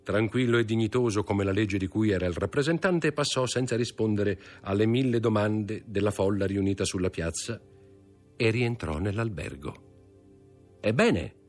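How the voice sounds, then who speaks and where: A man reading a classic novel aloud as an audiobook narrator, with lively, expressive delivery. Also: normal speed, soft background music. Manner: lively, expressive reading that raises pitch for quoted speech.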